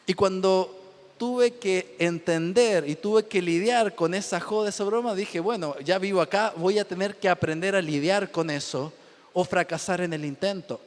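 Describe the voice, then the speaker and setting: A pastor from Chile preaching a humorous sermon from the pulpit, joking, laughing often and repeating himself for emphasis. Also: male voice, high-pitched, normal speed. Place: church pulpit. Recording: reverberant church hall.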